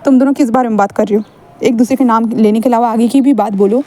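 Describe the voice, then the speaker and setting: A woman voicing a calm, dryly questioning elder brother in a told fan fiction story. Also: fairly high pitch, fast, natural voice. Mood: wry. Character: calm wry elder brother, young man.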